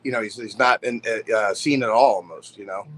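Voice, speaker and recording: A man's voice: fairly low pitch, fairly quick, a bit bright, rough recording. A man co-hosting a podcast, telling a story casually with hesitant restarts.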